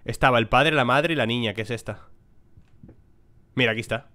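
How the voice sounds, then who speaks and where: A man's voice: medium pitch, brisk, pushed and bright. A man, giving casual let's-play commentary on a horror game, chatting to his viewers and swearing freely. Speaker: gaming YouTuber.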